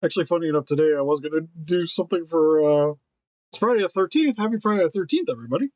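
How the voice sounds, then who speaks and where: Man, fairly high voice, dry close sound, easygoing work-along chat, thinks aloud. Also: racing, dry recording. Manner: relaxed, thinking aloud while sculpting. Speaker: figure customizer.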